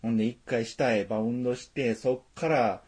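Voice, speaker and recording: A man's voice: mid-range voice, a little fast, darkish tone, breathy edge. A man with a Tosa accent chatting casually as a podcast co-host, joking and laughing often, with playfully formal asides. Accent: Tosa (Kochi) Japanese. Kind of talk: casual chat.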